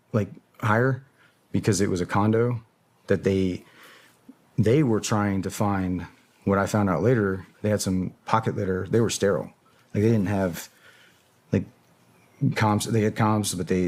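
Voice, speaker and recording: A man's voice: lowish voice, darkish tone. A man, a podcast guest, telling a story in casual talk, swearing bluntly and often stopping to search for words. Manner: profane, blunt and hesitant.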